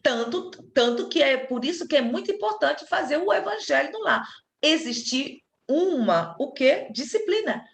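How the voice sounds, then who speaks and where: A woman's voice: high voice, sing-song, normal speed, gravelly. Woman explaining in an echoey room. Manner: explanatory, patient, many fillers and restarts. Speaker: study group facilitator. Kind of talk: spiritist study group discussion.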